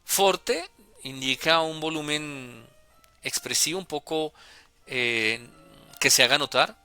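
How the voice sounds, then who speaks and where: A man calmly explaining music notation as a teacher, deliberate and with small hesitations. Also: a little high, clean tone. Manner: deliberate, with hesitations and self-corrections.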